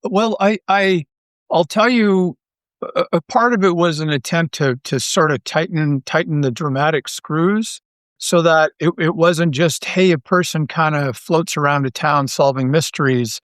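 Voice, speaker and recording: A man's voice: on the high side, measured pace, a bit bright, no room sound. Canadian man talking as a guest, dry sound. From Toronto, Canada. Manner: thoughtful, many restarts and stammers. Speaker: podcast guest, writer and creator. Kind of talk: casual interview chat.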